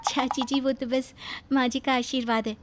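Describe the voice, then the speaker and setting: Young daughter-in-law figure, naive, earnest, apologetic, high-pitched, woman voicing her. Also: little pitch movement, moderate pace, heavy background noise, natural voice. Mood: modest. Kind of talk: Hindi cartoon voice acting.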